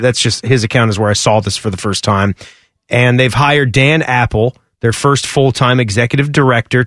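A man's voice: medium pitch, a bit bright, dry recording. A man hosting a casual sports radio show in a studio, rambling and correcting himself as he thinks aloud. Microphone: studio broadcast mic.

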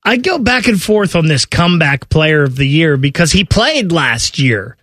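Sports radio sidekick guy, sharp bright voice, kinda high, chatting and arguing, dry room. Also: sing-song, moderate pace, no room sound. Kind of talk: conversational sports debate.

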